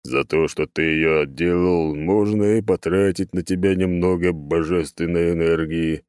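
An actor voicing an ancient, boastful male oak god who speaks slowly and smugly in an audiobook. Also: deep voice, steady tone, darkish tone, clear, resonant tone, dry recording, clean studio sound. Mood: grudging. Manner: slow, drawn-out, self-satisfied delivery. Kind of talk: audiobook character voice.

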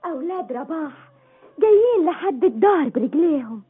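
A woman's voice: high-pitched, very animated, fairly quick. An actress playing a headstrong, dreamy young woman in a radio drama. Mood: soft, dreamy. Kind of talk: Arabic radio drama acting. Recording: thin, phone-like old radio recording.

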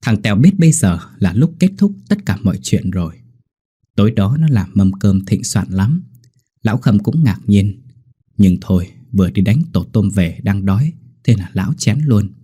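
A man narrating a horror story in a steady, grim manner. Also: fairly low pitch, moderate pace, breathy edge.

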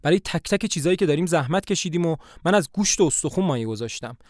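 Guy reading tired proud grandma, earnest, quick. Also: on the high side, animated, a little mellow, no echo, clean studio sound, natural voice. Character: weary older grandmother, a proud hard worker.

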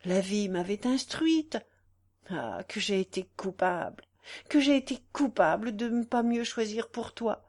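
A woman playing a guilt-stricken aristocratic mother from a classic novel, pleading in a raised, emotional voice. The pitch moves widely as she laments, read aloud as an audiobook. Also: lively intonation, a little slow, a little mellow. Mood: remorseful.

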